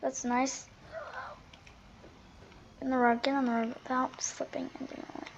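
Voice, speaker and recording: High-voiced woman chattering through gameplay, muffled mic. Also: flat delivery, normal speed, gravelly, a little hiss or hum. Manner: chatty running commentary, often talking to self; volume swings from muttering to loud exclamations. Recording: dull lo-fi microphone sound.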